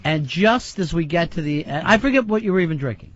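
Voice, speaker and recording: A man's voice: on the high side, lively intonation, fairly quick, a bit bright. A man hosting radio, chatting casually into a studio microphone. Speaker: radio host. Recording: dry, dull lo-fi radio audio.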